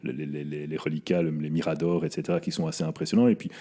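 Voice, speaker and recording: A man's voice: very deep voice, flat delivery, fast talker, creaky, mellow. A man hosting a podcast interview, chatting casually with frequent fillers and restarts. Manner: hesitant, many fillers and restarts. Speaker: podcast host.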